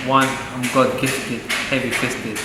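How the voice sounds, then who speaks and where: Taking it slowly, a young man speaks in a mid-range voice with little pitch movement; he's a professional boxer born in Saudi Arabia, doing a pre-fight interview. His manner is earnest and proud, with a joke here and there, and the echoey gym adds loud ambient noise.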